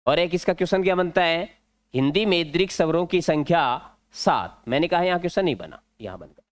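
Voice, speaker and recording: A man with a Rajasthani Hindi accent teaching an exam-prep grammar lesson, explaining slowly and repeating key words. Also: a little high, lively intonation, dry recording.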